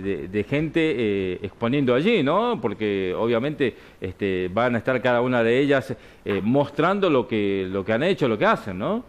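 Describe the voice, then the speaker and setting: A man with an Argentine accent anchoring a studio news interview, phrasing his questions hesitantly with many fillers. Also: mid-range voice. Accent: Argentine, San Juan.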